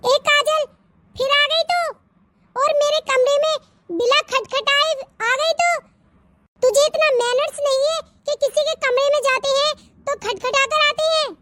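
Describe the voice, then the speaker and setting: Brief: a voice actor as a spoiled cartoon girl, scornful and bossy, slow delivery. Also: very high-pitched, steady tone, sharp tone, slight background noise, heavily acted. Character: spoiled scheming teenage girl, rude to her stepsister. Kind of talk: cartoon story voice acting.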